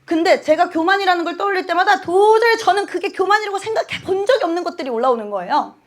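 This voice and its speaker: A woman giving a heartfelt testimony at a church service, emotional and animated, acting out her own prayers and laughing now and then. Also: extremely high pitch, fast talker. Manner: laughs often while talking. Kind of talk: sermon testimony.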